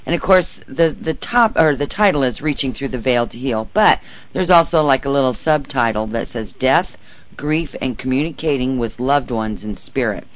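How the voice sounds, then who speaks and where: A woman's voice: extremely low pitch, animated, moderate pace. A woman presenting a radio talk show in an effusive, welcoming manner.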